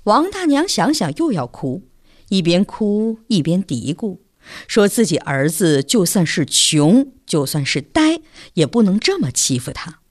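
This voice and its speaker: A woman storyteller reading with an expressive, animated delivery. Her pitch moves freely as she follows the story. The recording is dry and close, with no room sound. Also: a little slow, no room sound.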